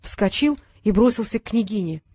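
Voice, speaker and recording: A woman narrating a fantasy audiobook in a steady storytelling manner. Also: medium pitch, normal speed, dry recording, studio quality. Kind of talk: scripted narration.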